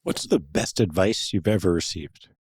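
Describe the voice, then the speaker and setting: A man hosting a podcast, asking closing questions in a brisk, quick way. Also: low voice, slightly rough, dry recording, studio quality. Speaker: podcast host. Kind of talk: interview questions.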